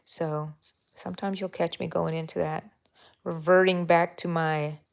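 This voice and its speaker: In a lowish, level voice with vocal fry, a Texan woman runs a relaxed live crochet stream from her bedroom at a moderate pace. She is chatty, thinks out loud as she crochets, and talks to her yarn.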